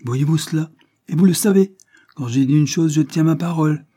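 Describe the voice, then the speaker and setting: A woman's voice: fairly low pitch, completely flat delivery, fairly quick, warm tone, voice pushed up, natural voice. A man reading aloud, voicing a firm, frank female household servant who speaks with resolve. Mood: stern.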